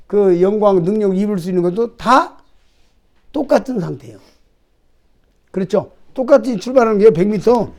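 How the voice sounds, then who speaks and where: A man's voice: sits high, darkish tone. A man preaching a sermon as a pastor, talking conversationally, asking the congregation rhetorical questions and acting out prayers. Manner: acts out prayers and imagined dialogue with God.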